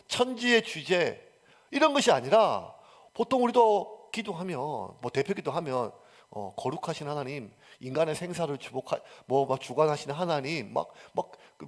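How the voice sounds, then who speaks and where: A male pastor preaches in a high, gravelly voice. His pitch leaps and falls constantly, rising to loud emphasis and then dropping to near-whispered asides. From South Korea. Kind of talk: sermon.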